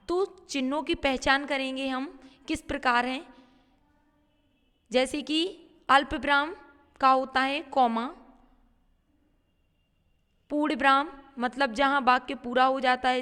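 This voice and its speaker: A woman's voice: sits high, a bit bright, big-room sound. A woman teacher explaining a grammar lesson step by step, reading a line and then paraphrasing it.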